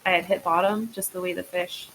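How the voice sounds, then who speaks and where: A woman's voice: on the low side, fairly even intonation, brisk, a bit bright, a little hiss or hum, low-quality recording. A woman being interviewed as a guest, chatting easily and telling stories with frequent laughs. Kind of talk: casual interview.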